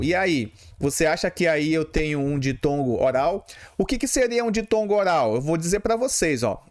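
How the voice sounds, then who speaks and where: Brazilian man teaching exam grammar, fairly high voice. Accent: Brazilian Portuguese. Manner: patient, repeats key terms, checks in with "tá bom?". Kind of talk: explaining grammar questions.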